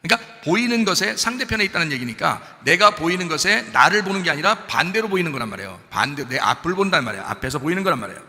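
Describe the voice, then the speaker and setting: A man's voice: fairly high pitch, sing-song, rapid-fire, few pauses. Emphatic male pastor in reverberant hall. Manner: emphatic, rhetorical questions, swings between loud urging and quiet asides. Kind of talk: sermon. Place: church sanctuary.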